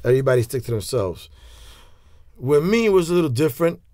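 A man's voice: medium pitch, fast, no room sound, studio quality. Bronx-accented man telling prison stories. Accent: New York. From New York. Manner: street slang, animated hand gestures, many restarts. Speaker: interview guest. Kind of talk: casual storytelling interview. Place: small studio with leather couch. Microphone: studio mic on stand.

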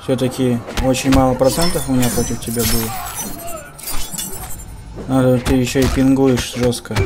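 A man's voice: medium pitch, steady tone, moderate pace, noisy background. A man giving casual, slangy gameplay commentary with offhand taunts at his opponents. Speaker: gamer commentating own matches. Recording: game music behind voice. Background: fighting game music.

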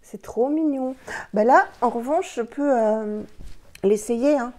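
A woman's voice: a little high, takes it slowly, a little mellow. A woman beauty vlogger casually unboxing and trying products, chatty and enthusiastic, who talks to herself by name. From France.

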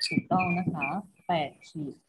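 A woman teacher giving an online class, patiently repeating each instruction. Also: moderate pace. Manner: patient, repeats herself with a polite particle at each phrase end. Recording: muffled recording with faint noise.

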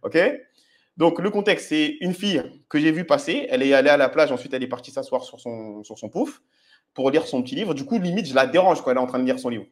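Fast-talking man coaching viewers. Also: fairly high pitch, expressive. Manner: direct, instructive, sprinkles "ok?" checks. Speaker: dating coach. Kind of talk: commenting on his own street footage.

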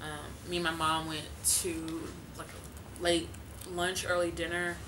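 Speaking a little slowly with flat delivery, a vlogger in her 20s talks loosely to camera in her living room, filling her speech with fillers and laughter. Her voice is fairly low, and there's background noise.

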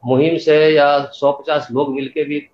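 An older male poet explains his views thoughtfully, pausing as he works through his ideas. His voice is slightly high. It comes through a roomy echo, and the sound is dull and lo-fi. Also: flat delivery, a little mellow. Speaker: guest poet. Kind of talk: conversational interview answer. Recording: echoey, dull-sounding remote audio.

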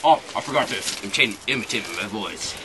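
A man outdoors playing along with a friend's silly tasks in a deadpan, mock-tough boasting way. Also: fairly low pitch, brisk, a loud crowd. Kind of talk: goofy home-video comedy. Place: outdoors in a neighborhood.

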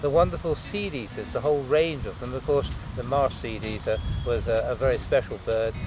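A man's voice: medium pitch, fairly quick, background noise. Enthusiastic man interviewed outdoors. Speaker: birdwatching journalist. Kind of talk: interview answers.

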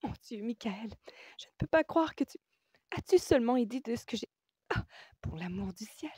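A woman's voice: medium pitch, expressive, moderate pace, dark tone, breathy edge, no room sound, studio quality, pitched above the performer's own voice. A woman voicing an impulsive, emotional young woman who talks in breathless, broken-off phrases, in an audiobook. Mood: overwrought. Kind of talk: audiobook character voice.

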